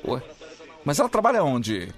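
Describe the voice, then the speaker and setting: A Brazilian man co-hosts morning radio with a teasing, laughing delivery. His voice is high and jumps around a lot in pitch, with music playing underneath. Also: wildly swooping pitch, normal speed. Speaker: radio co-host. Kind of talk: playful morning radio banter. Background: music bed.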